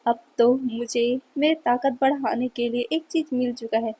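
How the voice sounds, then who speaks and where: A proud, possessive man who boasts and challenges, read aloud by a woman. The tone is mellow and a little husky, pitched fairly high for a man. It is a storybook reading of fan fiction, not a fully acted voice. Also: fairly even intonation, normal speed. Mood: boastful.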